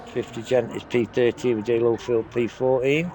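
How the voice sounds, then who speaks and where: A man giving live sim racing commentary, with fillers and short pauses as he follows the action and a voice that climbs in pitch as battles get close. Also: fairly even intonation, noisy background. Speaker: race commentator.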